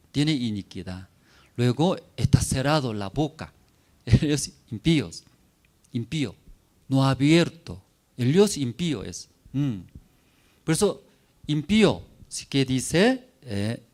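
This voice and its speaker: A man preaching a sermon in a church, his delivery unhurried and drawn out. His pitch swings widely from phrase to phrase as he builds each point. He speaks in short, choppy, simple phrases and keeps tossing quick tag questions to the congregation. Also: a little mellow. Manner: checks in constantly with tag questions.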